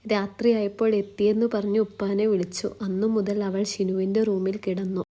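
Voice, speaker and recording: A woman narrating a love story in a calm, measured way. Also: medium pitch.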